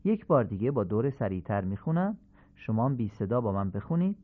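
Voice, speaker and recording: A man teaching Quranic pronunciation on a radio program, drilling syllables slowly and deliberately. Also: fairly low pitch, big pitch swings. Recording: tinny phone-like radio sound.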